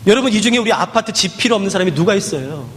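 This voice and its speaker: A man's voice: high voice, lively intonation, very fast, a bit bright, long reverb tail, a little hiss or hum. A man preaching a sermon, telling a story with acted dialogue and dramatic rises and falls.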